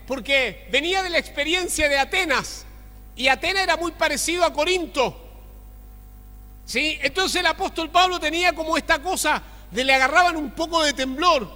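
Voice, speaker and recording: High-voiced pastor preaching in a reverberant hall. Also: male voice. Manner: swings between loud exclaiming and low murmured asides, asks the congregation often. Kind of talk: sermon. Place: church sanctuary.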